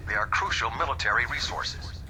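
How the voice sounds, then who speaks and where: A man's voice: medium pitch, brisk, background noise. A man voicing a military base intercom announcer, reading stiff, formal notices over a PA system. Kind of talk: video game voice acting.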